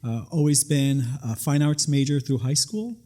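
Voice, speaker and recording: A man's voice: on the high side, animated, moderate pace, dark tone. A middle-aged man from the Bronx, New York, giving conversational interview answers as a military guest. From Bronx, New York, USA. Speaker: guest, Air National Guard first sergeant.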